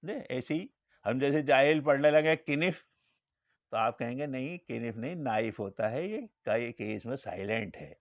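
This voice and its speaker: A man's voice: mid-range voice, no room sound. A man giving a religious lecture as an Islamic scholar, telling anecdotes and acting out the dialogue in them. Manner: storytelling, acts out dialogue in quoted lines. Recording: dull lo-fi recording.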